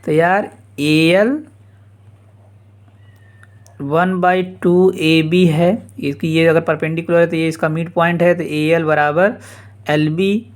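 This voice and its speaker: Man, math teacher, slow unhurried delivery, repeats lines, casual asides. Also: fairly high pitch, fairly even intonation. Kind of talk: informal geometry lesson.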